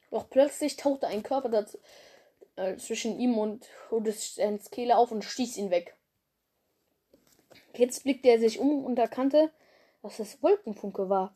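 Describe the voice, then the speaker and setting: A woman's voice: on the high side, warm tone. A young woman reading her own fanfiction aloud, casual and stumbling over words as she corrects herself.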